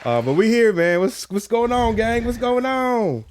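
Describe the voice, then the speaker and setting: A man's voice: extremely high pitch, very animated, normal speed, a faint crowd, slight background noise. A young man hosting a podcast, introducing guests with hype and joking around. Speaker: podcast host. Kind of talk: casual chat.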